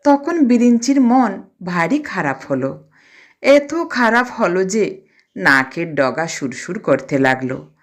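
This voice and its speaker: Woman storyteller, animated pitch, expressive, scripted audio story. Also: slow pace.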